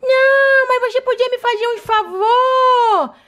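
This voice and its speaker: A woman voicing a cheeky, scheming baby doll girl in a toy play video, in a high childlike voice. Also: a little slow, a bit bright. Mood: wheedling.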